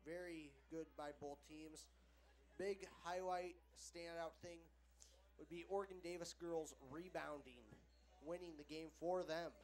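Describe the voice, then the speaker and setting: High-voiced young male color commentator. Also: darkish tone. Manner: reads stats slowly with pauses, casual opinions. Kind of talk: local sports broadcast commentary. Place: school gymnasium broadcast table.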